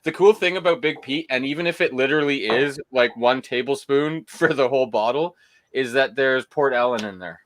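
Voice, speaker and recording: A man hosting a relaxed tasting stream, talking at a middling pitch. He rambles, with plenty of "um"s and restarts. The sound is dry and close, with no room echo. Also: brisk. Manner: rambling, many fillers and restarts. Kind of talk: casual whiskey-tasting livestream chat.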